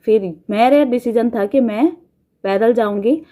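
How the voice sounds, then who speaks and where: Woman vlogger from India, 30s, mellow tone, rambling and chatty, laughs a lot. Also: a little high, unhurried. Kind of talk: casual storytelling.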